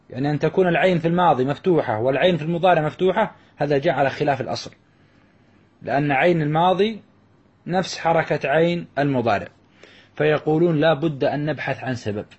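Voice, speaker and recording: Man, teacher, husky voice, muffled lo-fi recording, slow drilling of patterns. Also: on the high side, a little mellow. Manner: asks students questions and answers them himself. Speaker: teacher of Arabic morphology. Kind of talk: classroom lesson. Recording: dull lo-fi lesson recording.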